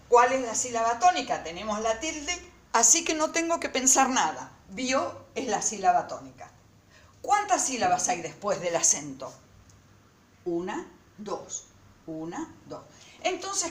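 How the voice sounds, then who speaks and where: A woman teacher giving a recorded lesson to her students, speaking slowly and emphatically and repeating words syllable by syllable. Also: fairly high pitch, a bit bright, roomy sound.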